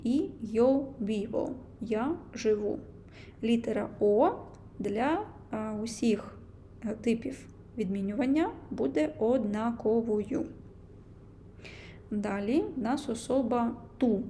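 A young woman teaching a language lesson, explaining grammar slowly and carefully, with frequent hesitations. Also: fairly high pitch, dark tone, slight background noise.

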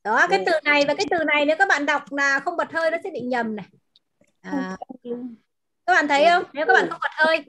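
A woman teacher in an online class, patiently explaining words and pronunciation and repeating them slowly over a video call. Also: sits high, expressive, pushed and bright. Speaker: language teacher.

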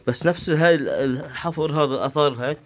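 A man with a Palestinian Arabic accent giving unscripted, observational commentary while filming in a rock cave, pausing to speculate. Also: on the high side. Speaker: cave explorer filming and narrating. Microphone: handheld phone or camera. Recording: faint noise, handheld camera audio.

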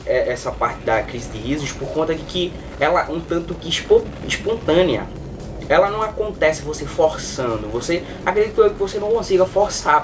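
Young Brazilian man, recorded away from the mic. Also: a little high. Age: young adult. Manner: informal, rambling, peppered with filler words. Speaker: vlogger. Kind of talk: casual chat to camera, storytelling. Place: small bedroom, indoors. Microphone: webcam or computer mic at desk distance. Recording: distant webcam mic.

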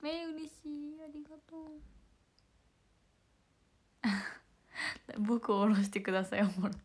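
Hoarse high-voiced young woman streaming. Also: lively intonation, slow pace. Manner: drops into breathy whispers between bright greetings. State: hoarse, voice worn out. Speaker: idol livestream host. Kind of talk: casual livestream chat reading fan comments.

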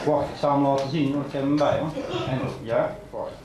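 Speaking briskly at a medium pitch, a man performs carnival stand-up before a live crowd in a big hall. His chatty set of local jokes drives toward punchlines, while the echoey room carries loud bursts of laughter.

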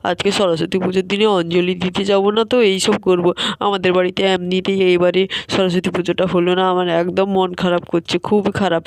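Someone voices a sulky man in a doll story, high-pitched and whining in a flat tone. He rattles off his grievances quickly, heard close and dry. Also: clear, resonant tone, no echo. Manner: complaining, whiny. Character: sulky grown man, scolded and sorry for himself.

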